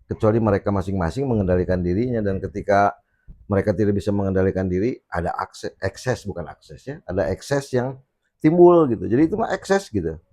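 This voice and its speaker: A man talking on a casual podcast, explaining his views slowly and thoughtfully with pauses and fillers. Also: on the low side, animated, mellow. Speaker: podcast guest speaker, [name]. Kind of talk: casual reflective podcast talk.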